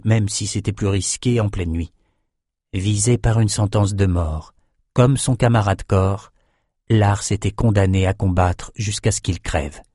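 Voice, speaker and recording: A low-voiced, slightly mellow male narrator reads a scripted audiobook passage, recorded dry with clean studio sound.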